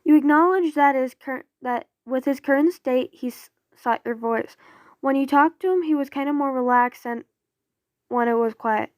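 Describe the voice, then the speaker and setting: A woman's voice: high-pitched, moderate pace, no room sound, studio quality. A woman casually reading fan fiction aloud, often stumbling over words and apologizing. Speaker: audio story reader.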